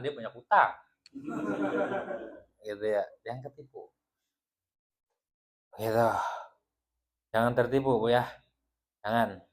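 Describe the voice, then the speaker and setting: A man teaching a religious study group. His voice sits at an ordinary middle pitch. He teases his listeners and laughs along with them as he talks. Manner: playful, teasing, laughs often with the audience. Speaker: Islamic teacher leading a women's study group. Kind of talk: joking religious study talk.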